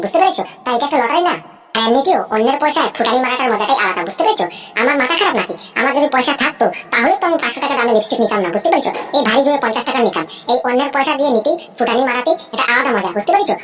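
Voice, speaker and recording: A woman's voice: high voice, animated, very fast, soft background music. A woman voicing a greedy, snobbish, scheming sister-in-law in a cartoon, chattering nonstop and constantly asking whether the listener understood. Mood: bragging. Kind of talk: cartoon voice acting.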